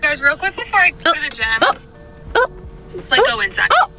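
Her pitch is extremely high, and she talks quickly, very animated, bright and forceful, with vocal fry and soft music behind. This twenty-something lifestyle and fitness vlogger gushes casually to an arm's-length handheld camera at home in kitchen and bedroom, then in her parked car.

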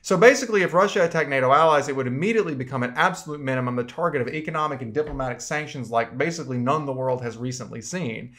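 A man's voice: mid-range voice, racing, hardly any pauses, a bit bright. A man coaching debaters, explaining arguments in a conversational lecture and often checking in with "right?".

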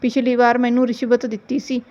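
A woman's voice: on the high side, flat delivery, fairly quick, darkish tone, lo-fi sound, lightly acted. A woman voicing Simran, a cheeky young girl who teases and bargains mock-dramatically in a storybook reading. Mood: teasing.

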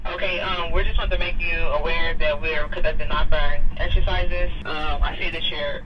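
A man's voice: a little high, steady tone, moderate pace. A man speaking over a marine VHF radio as a naval vessel's operator, using formal radio procedure with a few hesitant fillers. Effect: heard over a marine VHF radio. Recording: distant, dull, noisy radio audio.

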